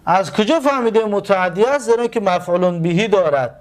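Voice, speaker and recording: A man with a high voice teaches a grammar class. He stretches each example word out slowly and repeats it. Then he quizzes the room and answers his own questions. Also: expressive. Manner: slow drawn-out repetition of example words; asks the class questions and answers them himself. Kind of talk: Arabic grammar lesson.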